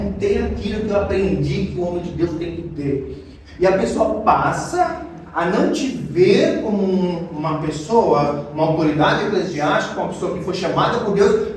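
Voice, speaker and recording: A Brazilian pastor with a fairly high voice preaches in a chatty, emphatic manner, firing rhetorical questions at his congregation. His voice booms through a very reverberant church hall, picked up from a distance. Faint background noise sits beneath. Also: a little mellow. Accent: Brazilian Portuguese. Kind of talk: expository sermon.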